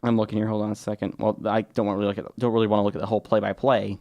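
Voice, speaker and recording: Young male sports co-host, low-pitched and quick, chatty and rambling. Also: flat delivery, darkish tone. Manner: chatty and rambling, restarts sentences. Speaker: co-host of a college sports show. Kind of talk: casual sports talk.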